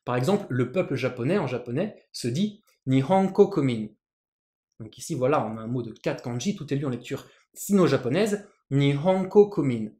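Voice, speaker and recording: A teacher walks through a language lesson with patience, repeating words and restarting phrases as they explain. The voice sits in a middling pitch. The recording carries a clear echo from the room. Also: darkish tone. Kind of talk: explanatory lesson with written examples.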